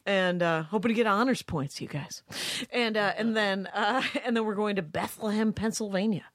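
A woman's voice: medium pitch, normal speed, dry recording, clean studio sound. A middle-aged woman co-hosting a podcast, chatting casually and trailing off into fillers. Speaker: podcast co-host. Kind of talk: casual chat.

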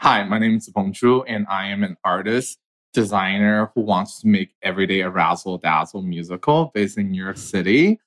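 A man's voice: low voice, moderate pace, a bit bright. A man in his thirties from China, an artist and designer, telling his story earnestly in a casual conversation. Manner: earnest, storytelling, frequent fillers.

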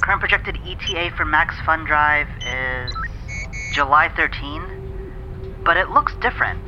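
A man's voice: on the high side, measured pace. A man voicing a rocket ship pilot reporting over a crackly sci-fi radio communicator in clipped radio procedure talk. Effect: crackly sci-fi radio communicator transmission. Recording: muffled lo-fi radio with heavy static.

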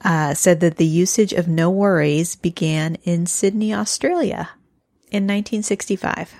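A woman's voice: lowish voice, normal speed, darkish tone, dry recording, studio quality. A woman co-hosting a casual podcast chat, laughing often and sharing bits of research she looked up. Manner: giggly, shares little researched facts. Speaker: podcast co-host.

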